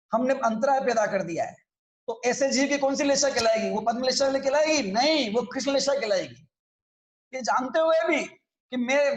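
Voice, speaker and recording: High-pitched guy teaching a scripture class, chatty, roomy echo. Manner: conversational, keeps checking in with listeners. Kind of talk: explanatory religious class.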